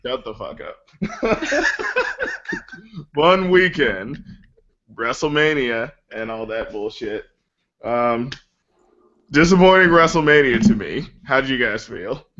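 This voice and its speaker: A man's voice: medium pitch, lively intonation, takes it slowly, long pauses, fairly bright tone, dull audio. A man hosting a casual wrestling chat, speaking with a sore, swollen lip after mouth surgery. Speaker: podcast host.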